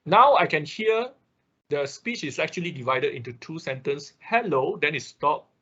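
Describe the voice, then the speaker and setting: This instructor, not a native English speaker, runs a live online robotics coding lesson with a screen demo, explaining each step and regularly checking in with "okay" and "right." His fairly high voice is bright and forceful with lively intonation at a normal pace, though the lo-fi class audio sounds dull.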